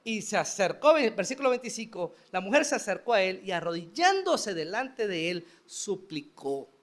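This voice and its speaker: A man preaches a sermon, acting out prayers and voices as he goes. His voice sits high and swings widely in pitch, rising and dropping with each point. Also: big pitch swings, normal speed, fairly bright tone. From Venezuela. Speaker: pastor.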